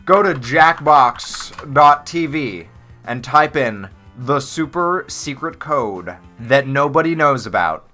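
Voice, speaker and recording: A man's voice: medium pitch, animated, takes it slowly, bright, forceful tone, faint music behind. A man hosting a casual game livestream, talking to chat in a playful, chatty, goofy way. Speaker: streamer.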